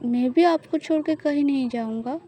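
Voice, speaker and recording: A woman's voice: sits high, normal speed, mellow, slight background noise, lightly acted. A woman voicing anxious, teary young Isa. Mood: worried. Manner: worried, pleading.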